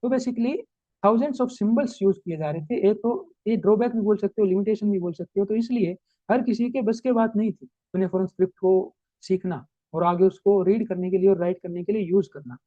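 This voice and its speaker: A man giving a history lesson as a teacher, explaining in Hindi mixed with English terms and reading English points slowly. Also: high-pitched, no room sound, highs cut off. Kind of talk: recorded class lecture.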